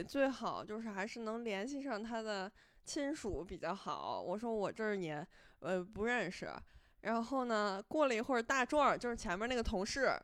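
A woman's voice: on the high side, a bit bright, dry recording. A woman podcast host, telling a story in casual chat and laughing as she goes.

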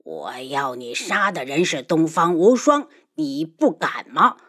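A woman's voice: sits low, sing-song, unhurried, fairly bright tone, slightly rough, full character voice. A woman voicing a ruthless, scheming old nobleman who mocks and menaces in an audiobook. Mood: sneering. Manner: sneering, menacing. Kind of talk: audiobook character voice.

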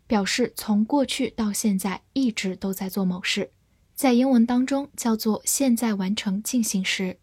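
A woman teaching English vocabulary to Chinese learners, spelling words letter by letter and reading example sentences slowly. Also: fairly high pitch, a little mellow, slightly rough, no room sound, clean studio sound.

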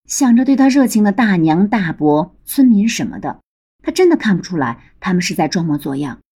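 A woman's voice: mid-range voice, sing-song, fairly quick, warm tone, breathy edge. A woman narrating a serialized audiobook with a lightly humorous storytelling manner.

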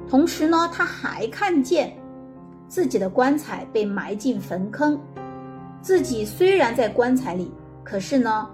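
A woman narrates a story as host of her channel, her voice pitched a little high. She tells it gently and conversationally, pausing on small fillers. Soft music plays faintly underneath. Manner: gentle spoken storytelling with frequent filler pauses.

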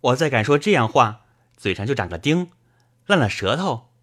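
Guy reading as a teasing young nobleman, playful, voice bouncing all over, mid-low. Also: sing-song, unhurried, a bit bright. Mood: pleading. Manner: teasing, light and bantering. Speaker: audiobook reader. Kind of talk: classical novel reading.

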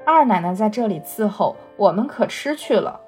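Woman doing a playful bold servant girl, breathy, storybook reading. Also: medium pitch, lively intonation, moderate pace, darkish tone, faint music behind. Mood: cheeky. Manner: playful, cheeky banter. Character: cheeky young maidservant, playful and bold.

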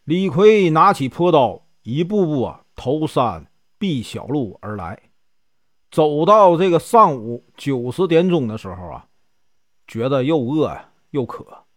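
A man's voice: on the high side, big pitch swings, unhurried, no room sound, studio quality. A man with a Northeastern Mandarin accent telling a classic novel as a chatty storyteller, drawing out his sentence particles.

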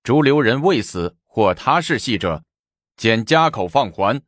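A man's voice: medium pitch, expressive, a little slow, a bit bright, no room sound. A cold, stern chancellor from a spoken historical tale, reading out an imperial edict in a raised, formal, declaiming voice, as a man acts him out. The voice sits close and dry.

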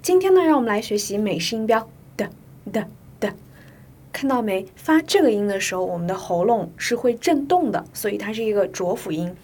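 A woman teaching English pronunciation in an online lesson, speaking clearly and deliberately and repeating words slowly for learners. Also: medium pitch, lively intonation, a little mellow.

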